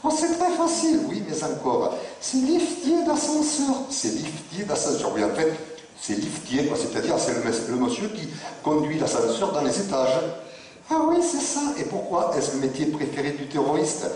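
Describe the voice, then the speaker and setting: A man's voice: very animated, moderate pace, darkish tone, slight background noise. A male ventriloquist voicing a cheeky female puppet who acts dumb and cracks jokes. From Australia. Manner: sassy, smart-alecky, squeaky. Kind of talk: ventriloquist act. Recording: roomy hall, far from mic, crowd.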